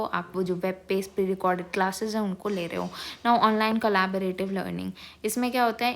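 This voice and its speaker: A young woman teacher giving an online exam-prep lecture. She reads English definitions slowly, then explains them quickly and conversationally, checking in often. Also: medium pitch. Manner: fast-talking, checks in with frequent "okay".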